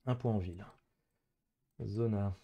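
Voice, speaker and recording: While playing an online geography guessing match, a man thinks aloud about his own game in casual, hesitant, piecemeal remarks. His voice is fairly low, warm and unhurried.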